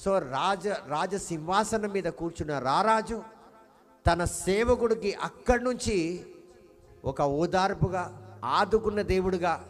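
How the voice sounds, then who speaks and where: A male pastor delivers a sermon in a somewhat high voice. He keeps asking the congregation questions and repeats key words for emphasis. His voice rings with the long reverb of a large hall over faint background music. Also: slow. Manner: call-and-response, questioning the congregation with emphatic repetition.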